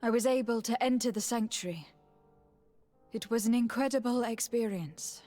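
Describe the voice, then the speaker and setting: The voice is fairly high, mellow and natural, with soft music playing underneath. It's an actress portraying a dutiful, composed young noble diplomat in a video game, and she speaks with formal, earnest restraint.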